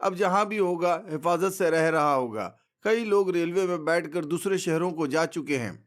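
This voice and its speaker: A man's voice: on the high side, normal speed, close to an everyday voice. A man voicing an earnest young son. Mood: exasperated. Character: young son reassuring his worried mother.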